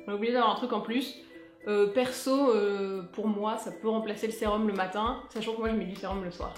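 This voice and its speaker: A woman's voice: medium pitch, fairly even intonation, fairly quick, roomy sound, soft background music. A young woman chatting through a casual beauty product review, playful and talkative, breaking into little sung asides. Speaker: beauty vlogger.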